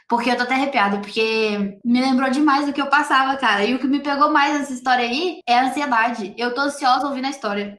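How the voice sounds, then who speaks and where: A Brazilian woman hosting a live podcast conversation, telling stories about teaching in an emotional, animated way. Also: on the high side, echoey room.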